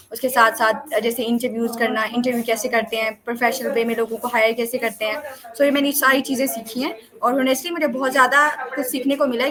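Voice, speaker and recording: A young woman from Pakistan, a student guest on an online interview call, talking casually and playfully with lots of fillers and self-corrections. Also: a little high. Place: online video call from home. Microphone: computer or phone mic on a call.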